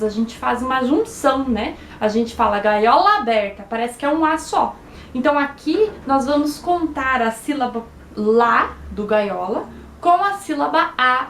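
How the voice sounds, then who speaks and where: Professora brasileira de voz aguda. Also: female voice, high voice, fairly bright tone, echoey room, a little hiss or hum. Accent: Brazilian Portuguese. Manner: slow, syllable-by-syllable explanations with frequent "né?". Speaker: teacher. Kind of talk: online lesson for children.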